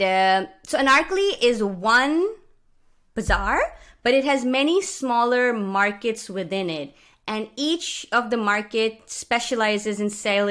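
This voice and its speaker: A woman's voice: medium pitch, a bit bright. A young woman from Pakistan giving a friendly, explanatory talk over slides, with many "uh" and "um" fillers, recorded at home on a studio mic. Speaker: guest speaker. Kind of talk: presentation narrated over slides. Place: small indoor room at home. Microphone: studio mic on stand with pop filter.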